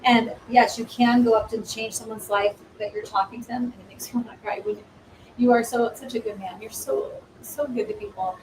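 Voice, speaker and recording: A woman hosting a spiritual talk show, speaking in a warm, encouraging and preaching way. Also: on the high side, fairly even intonation, moderate pace, roomy sound. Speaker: host. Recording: distant mic, faint noise.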